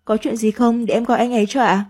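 A woman voicing a soft-spoken, polite young wife in a read-aloud story. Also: fairly high pitch, little pitch movement, fast, close to an everyday voice. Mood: gentle.

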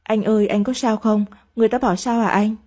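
A woman voicing a meek young wife and mother who speaks softly and politely. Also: a little high, steady tone, fast talker, close to an everyday voice. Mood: gentle. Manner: soft, polite and submissive.

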